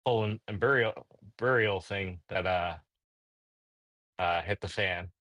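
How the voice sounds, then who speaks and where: A man's voice: low voice, a little slow, no room sound, dull audio. A man voicing a friendly, easygoing brother-in-law in a tabletop game, rambling with many fillers. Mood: jovial. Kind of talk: in-character tabletop role-play.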